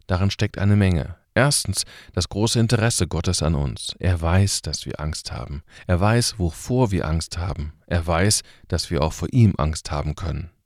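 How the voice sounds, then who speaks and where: A pastor leads a short radio service, preaching in a colloquial and ironic style. His low, slightly mellow voice comes through in studio quality with no room sound.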